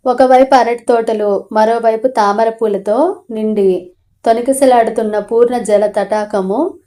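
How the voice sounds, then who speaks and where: A woman reads a novel aloud in a steady, even storytelling manner. Her voice is warm and mellow, set somewhat high for a woman. The delivery stays calm and unhurried. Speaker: audio novel narrator.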